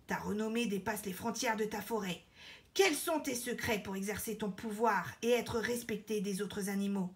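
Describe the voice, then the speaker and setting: A haughty old lion king, put on by a woman reading a storybook. He speaks in a loud, commanding way and looks down on everyone around him. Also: sits high, lively intonation, moderate pace, voice pushed up.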